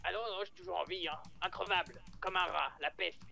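A man's voice: sits high, fast talker, vocal fry, crowd noise. A man voicing a cheerful male informant from the sewers who loves spreading gossip. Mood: gleeful. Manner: excited, gleeful storyteller. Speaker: roleplay game player on a phone call.

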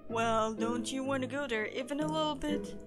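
A woman's voice: high voice, over loud music, close to an everyday voice. A woman voicing a showy, bombastic man, a scientist posing as a space recruiter in a game. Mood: insistent. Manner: theatrical, pompous, drawn-out emphasis.

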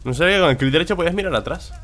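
Bright-voiced Spanish man commenting on gameplay. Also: fairly high pitch, animated, rapid-fire. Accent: Spain. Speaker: gaming streamer. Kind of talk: casual reactive gameplay commentary. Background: faint game music.

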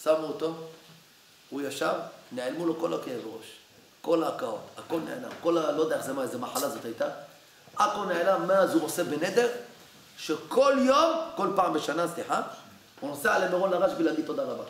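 A man with a high-pitched voice teaches a Torah lesson, telling stories and asking his listeners questions as he goes. He is recorded in a very echoey study hall with a faint hiss underneath. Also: expressive, a bit bright. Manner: storytelling, conversational, asks listeners questions. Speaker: rabbi giving a Torah class.

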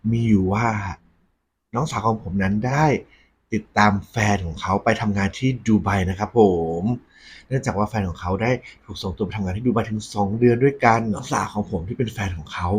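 Husky, low-voiced man telling ghost stories. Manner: polite, frequent Thai male polite particles. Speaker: host of a ghost story segment. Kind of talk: conversational ghost storytelling to an audience.

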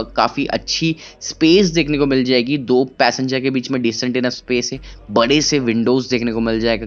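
Young male car vlogger, 20s, casual walkaround delivery mixing in English, clear voice on a slightly muffled camera mic. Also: mid-range voice. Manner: casual, Hindi mixed with English, many "uh" pauses. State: tired but excited. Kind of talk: walkaround review vlog. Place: large indoor expo hall, walking through a bus.

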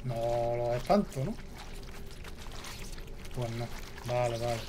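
A man with a Spain Spanish accent giving jumpy, excitable let's play commentary while he plays. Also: medium pitch, takes it slowly, noisy background. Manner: jumpy, excitable, talks to himself. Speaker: gaming host.

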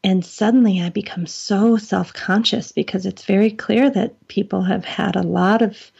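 A woman's voice: medium pitch, steady tone, normal speed, gravelly, a little mellow, breathy edge, highs cut off. A woman in her forties, a podcast guest, talking in an earnest, thoughtful and chatty way. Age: 40s. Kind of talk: casual conversation.

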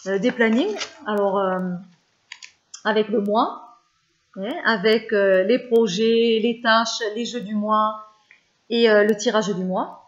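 A woman talks in a casual, chatty vlog, pausing often with fillers as she gathers her thoughts. Her voice sits at a middle pitch. The recording has a slightly dull, lo-fi sound. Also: fairly even intonation. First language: French. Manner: hesitant, many fillers, warm and chatty. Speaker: vlogger. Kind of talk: casual chat about favorite channels.

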